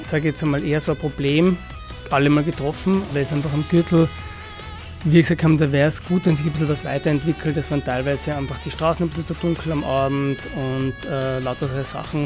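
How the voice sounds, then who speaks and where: A bar owner answers interview questions loosely, trailing off and restarting as he thinks. His voice is a touch high, and music plays clearly in the background. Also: fairly even intonation, fast, darkish tone. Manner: hesitant, many fillers and restarts.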